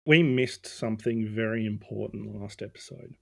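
A man co-hosting a podcast in casual banter, teasing and quick to correct the others. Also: fairly low pitch, creaky, a little mellow. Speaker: podcast co-host.

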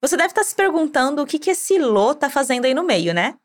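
High-voiced encouraging language teacher woman. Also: big pitch swings, brisk. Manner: clear, encouraging, drilling repetition. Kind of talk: scripted podcast lesson.

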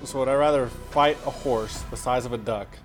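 A man's voice: mid-range voice, a little fast, soft background music. A man co-hosting a podcast, chatting and explaining in a casual style. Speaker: podcast co-host.

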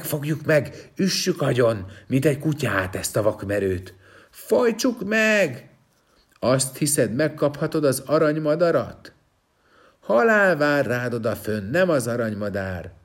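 A man shouting as jeering stone men. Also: mid-range voice, big pitch swings, pitched above the performer's own voice. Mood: jeering, menacing. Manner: shouting, mocking, threatening. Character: jeering, menacing male stone men of a mountainside.

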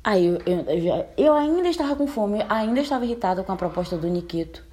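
A woman in her twenties telling a story in a casual, animated way, laughing often and acting out both sides of the talk. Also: medium pitch, fast. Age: 20s. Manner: animated, laughing, quotes herself and her date. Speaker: storyteller recounting a bad date.

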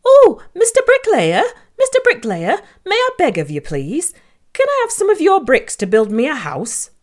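A woman doing Harry, a squeaky piglet. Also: huge pitch swings, moderate pace. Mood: pleading. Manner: squeaky and pleading. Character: polite young male piglet Harry.

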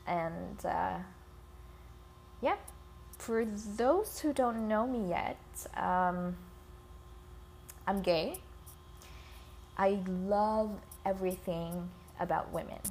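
Female podcast host, slow and fry-heavy, informal chat, phone-recorded with faint scratching behind. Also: mid-range voice, a little mellow, slight background noise. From Philippines. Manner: informal, swearing, addresses listeners as guys. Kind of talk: casual solo podcast intro. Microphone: iPhone.

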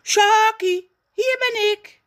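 A woman voicing Raf, an excitable and forgetful young male cousin in a storybook, eager and easily flustered. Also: high-pitched, voice pushed up, full character voice. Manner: eager, jumpy, quick to fluster. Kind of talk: storybook character voice.

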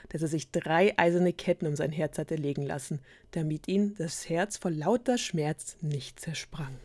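A woman's voice: lowish voice, darkish tone. A woman retelling a fairy tale on a podcast in a casual, ironic, chatty way with fillers. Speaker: podcast storyteller.

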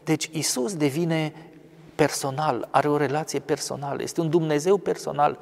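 A man explaining a scripture passage in conversation, scholarly and digressive, often pausing with fillers. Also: fairly high pitch, creaky, in a large hall. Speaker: theologian commenting on scripture.

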